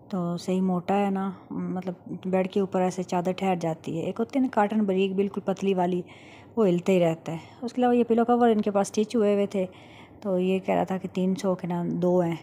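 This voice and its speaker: A woman's voice: medium pitch, fairly even intonation, moderate pace, warm tone, a little hiss or hum. A middle-aged woman from Pakistan with a Punjabi-tinged Urdu accent, chatting casually in a vlog voice-over. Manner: chatty, matter-of-fact, recounting haggling. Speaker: vlogger.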